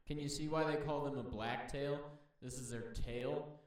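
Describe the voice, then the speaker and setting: A man's voice: medium pitch, slow pace. A man hosting a casual, rambling, jokey commentary as he looks through wildlife photos. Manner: jokey, rambling, talks to himself. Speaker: host. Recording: echoey room, far from the mic.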